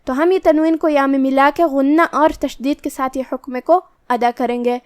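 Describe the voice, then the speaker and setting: Woman, recitation teacher, methodical step-by-step explanation, high pitch, dry sound. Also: steady tone, no echo. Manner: explains rules step by step, then recites verses slowly and drawn out. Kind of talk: tajweed lesson with slow recitation.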